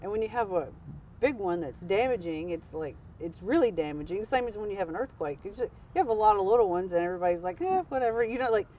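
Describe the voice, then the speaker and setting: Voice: mid-range voice, fast talker, dark tone, recorded from a distance, slight background noise, low-quality recording. A speaker from Tennessee with a Southern accent, telling rambling stories in casual chat. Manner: rambling, anecdotal, many "like" fillers. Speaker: interviewee, local.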